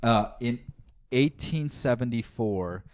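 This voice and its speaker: A man's voice: mid-range voice, lively intonation, slow, a little mellow. A man hosting a casual quiz podcast, reading questions aloud and stumbling over some words. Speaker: quiz host.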